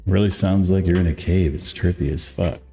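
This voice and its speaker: A man's voice: sits low, steady tone, fairly quick, vocal fry, mellow, faint music behind. A young man talking casually and swearing, amused, his voice run through a cave echo voice filter on his mic. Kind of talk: casual mic-effect testing. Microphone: streaming mic through a voice-effect app.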